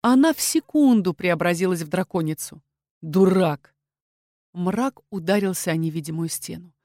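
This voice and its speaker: A woman narrating a fantasy audiobook with an expressive, dramatic reading. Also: fairly low pitch, fairly quick, no echo, studio quality.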